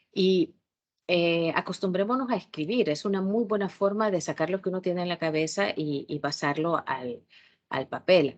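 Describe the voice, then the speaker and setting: A woman with a Salvadoran accent gives an online tutorial lecture with a low voice. She talks in a strict, instructive way and often pauses on hesitation fillers while she explains. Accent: Salvadoran Spanish. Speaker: university math education tutor.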